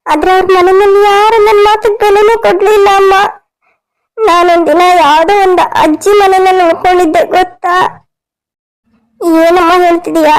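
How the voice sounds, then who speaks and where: Very high-voiced woman in cartoon drama. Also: poor audio. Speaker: voice actor for the women of a cartoon family drama. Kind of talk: cartoon story voice acting.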